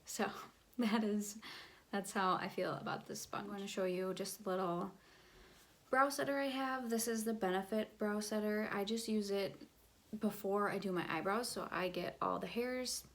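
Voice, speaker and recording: A woman's voice: medium pitch, normal speed, a bit bright. Give me a woman casually reviewing makeup and skincare, enthusiastic and filler-heavy. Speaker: beauty vlogger. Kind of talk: casual product review vlog.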